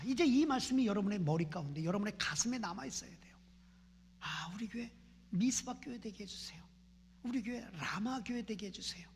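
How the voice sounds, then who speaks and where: A woman pastor from Seoul gives a fervent sermon in a church sanctuary, repeating phrases as her prayer chants climb. Her voice is fairly high and fairly bright, captured in a reverberant church hall.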